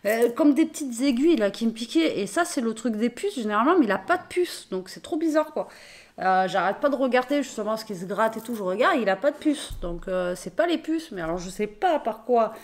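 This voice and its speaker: A woman with a hoarse, raspy voice chatting casually in a vlog, tired and rambling with many fillers. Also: on the high side, animated, fairly quick. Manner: rambling, many fillers, talks to her pet. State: tired, worn out. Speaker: vlogger.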